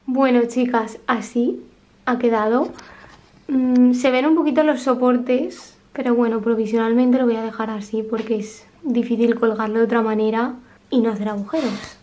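A young woman from chats casually to camera in a home vlog, with plenty of fillers and asides to her viewers. Her voice sits a little high. The small home room around her sounds roomy and echoey. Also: fairly even intonation, normal speed, darkish tone, soft background music. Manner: chatty, lots of fillers, talks straight to viewers. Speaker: vlogger.

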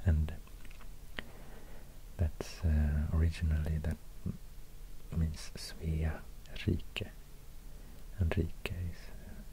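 A man whispers in a deep, breathy, hushed and musing way, reading for ASMR close to the microphone. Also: little pitch movement, drawn-out words, pauses often, low-quality recording. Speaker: ASMR creator. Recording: faint background hiss, close whisper.

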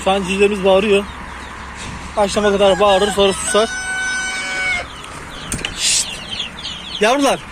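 Man, high pitch, casual farm vlogger, outdoor chicken yard, loud background noise, shoos birds. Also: level tone, fast. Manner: talks to the chickens and shoos them loudly. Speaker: poultry hobby vlogger. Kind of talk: casual chat to camera while doing farm chores. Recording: noisy outdoor sound with birds.

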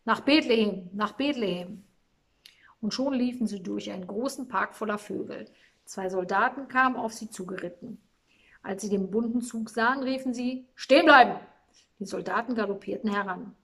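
A woman reading a Christmas storybook aloud in a calm, measured storytelling manner. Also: medium pitch, breathy edge.

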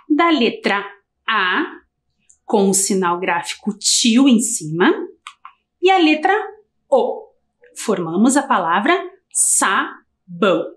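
Slow sing-song Brazilian woman teacher. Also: mid-range voice. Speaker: primary school teacher. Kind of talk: televised lesson for young children.

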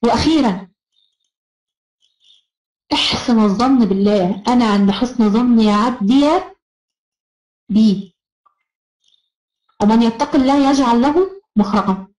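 A woman's voice: a little high, a little slow, long pauses, a little mellow, roomy sound, rough recording. A woman with an Egyptian Arabic accent giving an encouraging online self-help lecture, praising her students as she goes.

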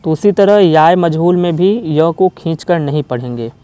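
A man teaching an online grammar lesson, explaining slowly and repeating example words one at a time. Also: a little high, lively intonation, warm tone, smooth.

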